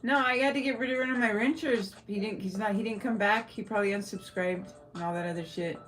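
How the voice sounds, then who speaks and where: A woman from El Paso, Texas, with a Texan accent chats casually on a livestream, rambling and swearing freely. Her voice is medium-pitched and a bit bright, and she talks quickly. The audio is poor, with faint music behind her.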